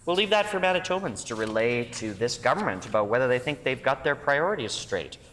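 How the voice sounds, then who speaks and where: Forceful Canadian man in parliamentary debate. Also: medium pitch, sing-song, fairly quick, a little hiss or hum. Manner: combative, critical, emphatic. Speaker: opposition legislator. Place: large indoor legislative chamber. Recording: reverberant legislative chamber.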